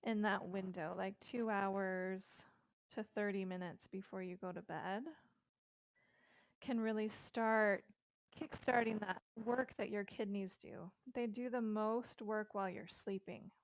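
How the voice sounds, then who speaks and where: A middle-aged woman guiding a yoga session with calm, gentle instructions and casual fillers, recorded indoors on a close mic. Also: mid-range voice, measured pace, no room sound.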